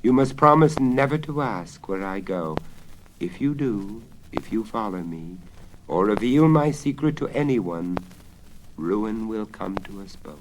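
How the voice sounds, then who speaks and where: A mysterious fairy woman, as a man acts her out in a storybook tale. The speech is soft, solemn and unhurried, with light surface noise from an old record. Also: on the low side, lively intonation. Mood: solemn warning. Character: gentle, mysterious young fairy woman, softly spoken. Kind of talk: dramatic storybook reading. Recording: crackly 1970s vinyl spoken-word record.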